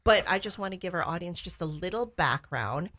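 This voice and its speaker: Low-voiced woman, chatty and eager. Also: lively intonation, brisk, fairly bright tone. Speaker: co-host. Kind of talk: casual chat.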